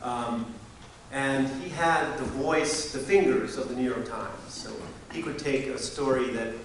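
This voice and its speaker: A man giving a wry, halting memorial speech full of anecdotes, often pausing to clear his throat. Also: mid-range voice. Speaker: eulogy speaker, science reporter. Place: community hall memorial gathering. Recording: echoey hall, distant mic, hiss.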